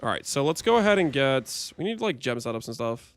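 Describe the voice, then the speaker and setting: A man's voice: mid-range voice, very animated, a little fast, dry recording. Man streaming on a dry headset mic. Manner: chatty, joking, thinks aloud to chat. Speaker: livestreamer. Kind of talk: casual gameplay commentary.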